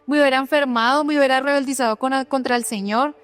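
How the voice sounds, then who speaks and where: Woman preacher, sermon, fairly high voice, earnest testimony, questions to the congregation, soft music behind. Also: fairly even intonation, quick pace. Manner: earnest personal testimony with rhetorical questions to the audience.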